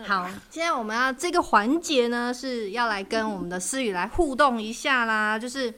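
A woman's voice: fairly high pitch, expressive, normal speed. A woman hosting a casual podcast who jokes around, laughs often and pokes fun at herself. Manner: playful, laughs often, self-mocking. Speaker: podcast host. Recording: music playing under the talk.

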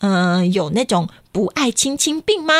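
A woman reading a picture book to children, lively and coaxing, asking them questions. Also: medium pitch, measured pace, dry recording. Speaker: children's storyteller.

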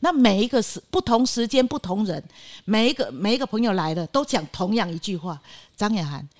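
Older Taiwanese woman telling lively stories. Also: medium pitch, fairly quick. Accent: Taiwanese Mandarin. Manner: lively anecdotes, often acting out quoted lines and laughing. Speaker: guest, guesthouse owner. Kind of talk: storytelling in a casual interview.

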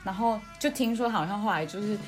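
A woman, co-hosting a podcast. She tells childhood stories in a casual, animated way, laughs often and acts out what people said, with music behind her. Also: mid-range voice, fast. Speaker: podcast co-host. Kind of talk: casual storytelling chat.

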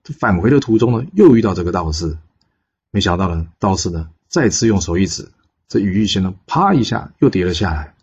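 A man's voice: low-pitched, expressive, fairly quick, a little mellow, slightly rough, lo-fi sound. A man casually telling a folk legend, chatty, with asides and questions to the listener. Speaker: storyteller.

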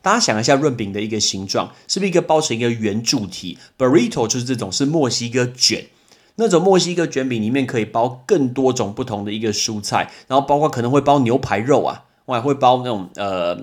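A man's voice: mid-range voice, expressive, a little fast. A young man hosts a casual English vocabulary lesson, chatting and explaining with everyday examples. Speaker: podcast host and English teacher.

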